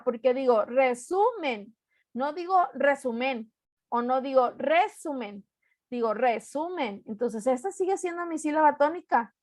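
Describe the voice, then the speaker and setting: A woman's voice: high-pitched, dry recording. A young woman from Mexico teaching an online class, patiently explaining rules step by step and repeating them.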